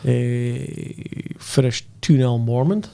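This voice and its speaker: A man's voice: medium pitch, slow pace, vocal fry, dark tone, clear, resonant tone. A man with a Scottish accent, telling stories in casual banter as a podcast co-host. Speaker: amateur football referee.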